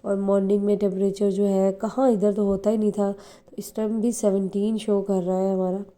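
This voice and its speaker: Fast-talking pakistani-born woman vlogging, kinda hoarse from flu, flat even tone. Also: mid-range voice. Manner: rapid, chatty, many fillers. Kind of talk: casual vlog talk to viewers.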